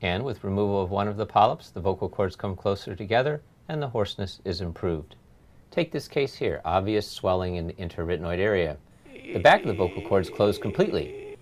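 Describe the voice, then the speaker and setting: A man giving scripted medical narration as a lecturing doctor, explanatory and measured, stressing key points. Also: sits low, lively intonation, slight background noise. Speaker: laryngologist lecturer.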